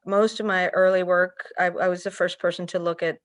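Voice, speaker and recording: A woman's voice: on the low side, little pitch movement, a little fast, no room sound, studio quality. An older woman from Peru, a guest economist, talking eagerly and at length on a video call from her home, with frequent restarts. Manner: enthusiastic, talkative, frequent restarts. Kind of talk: conversational interview answers. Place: home room with curtains and window.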